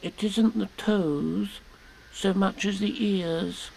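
A man's voice: high voice, steady tone, takes it slowly, vocal fry, darkish tone, slight background noise, pitched above the performer's own voice, full character voice, poor audio. A man voicing a small, timid and anxious young male piglet who speaks hesitantly.

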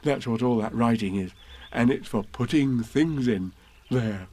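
A man's voice: medium pitch, measured pace, darkish tone, natural voice. A man voicing a friendly, simple-minded male teddy bear in a storybook reading, earnest and cheerful. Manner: earnest, cheerful, plain-spoken.

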